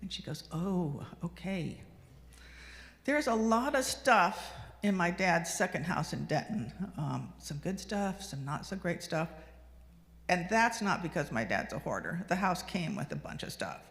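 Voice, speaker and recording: A woman's voice: on the low side, big pitch swings, moderate pace, a bit bright. A woman in her sixties, a lay speaker giving a personal reflection talk at a congregation, telling stories conversationally with frequent ums and restarts. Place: fellowship meeting hall. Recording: long hall reverb on a livestream.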